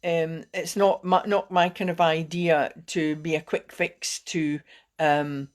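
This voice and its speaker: Gentle woman coach, lowish voice. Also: slow pace. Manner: gentle, calm and encouraging, with a lot of restarting. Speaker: wellbeing coach. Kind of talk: live video teaching calming techniques.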